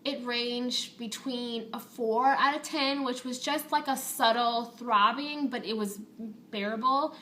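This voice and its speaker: A woman's voice: fairly high pitch, fairly even intonation, a little slow, fairly bright tone, a little hiss or hum. A woman vlogger giving a casual, chatty and candid personal update to her viewers.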